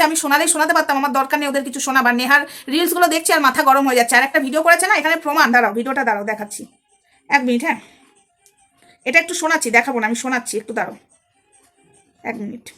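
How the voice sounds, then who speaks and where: A woman's voice: high voice, fast talker, pushed and bright, faint music behind. A woman talking straight to her viewers in a heated commentary vlog, scolding and angry. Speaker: social media commentator.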